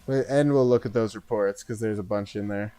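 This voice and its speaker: A man's voice: lowish voice, a little fast, mellow, smooth, soft background music. A man giving casual live commentary as he streams a game, thinking aloud and often tagging on "uh" and "right?".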